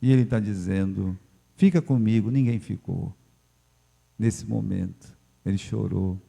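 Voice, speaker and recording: A Brazilian man preaching a sermon as pastor of a church, with sudden surges in pitch and volume as he addresses the congregation. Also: measured pace, creaky, mellow, breathy edge. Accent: Brazilian Portuguese. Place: church sanctuary. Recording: long church reverb.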